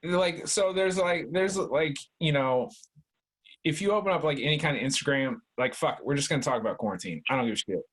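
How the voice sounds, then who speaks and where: A man's voice: a little high, a little fast, a bit bright. A man in his thirties co-hosting a podcast, rambling in casual chat and peppering every sentence with "like", "dude" and swearing. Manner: rambling, heavy "like" and "dude" fillers, swears a lot. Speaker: podcast co-host.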